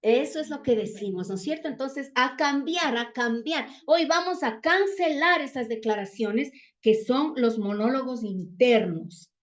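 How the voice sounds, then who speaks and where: An Ecuadorian church teacher gives a Bible teaching talk, constantly checking in with her listeners through rhetorical questions. Her voice is high and her pace measured, with few pauses. The recording has a dull, lo-fi sound.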